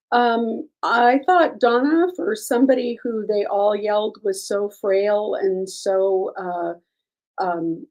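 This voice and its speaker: A woman hosts a casual livestream about court cases, answering chat questions and giving measured legal opinions amid many ums and restarts. Her scratchy voice is mid-range and a little mellow.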